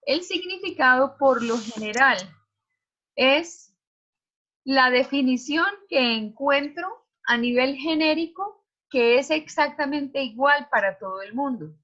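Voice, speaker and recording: Woman, teacher, high bright voice, online class, slightly dull call audio. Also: takes it slowly. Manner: explanatory, asks students questions. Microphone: video call.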